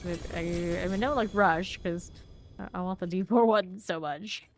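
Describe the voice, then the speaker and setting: A woman's voice: lowish voice, normal speed, slight background noise. A woman streaming a game, chatting casually and rambling to her viewers as she plays. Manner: chatty, rambling, talks to chat. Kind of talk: casual gameplay chat.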